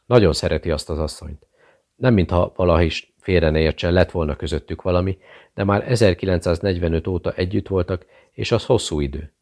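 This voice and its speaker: A man's voice: deep voice, darkish tone. A man voicing a chatty young housemaid. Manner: gossipy and talkative.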